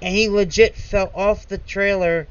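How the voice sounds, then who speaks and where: A man's voice: high-pitched, fairly even intonation, unhurried. A man hosting a casual podcast chat, telling rambling stories full of restarts and fillers. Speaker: host. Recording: dull lo-fi mic with faint noise.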